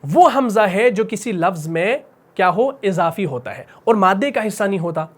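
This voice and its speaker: A male teacher explaining a rule slowly and patiently. He keeps circling back with rhetorical questions and repeats each point. He sinks to a soft, drawn-out whisper to stress key terms. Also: high-pitched, very animated. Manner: repetitive, asks rhetorical questions; drops to a slow whisper on key words. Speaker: Quran recitation teacher. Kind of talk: classroom-style lesson.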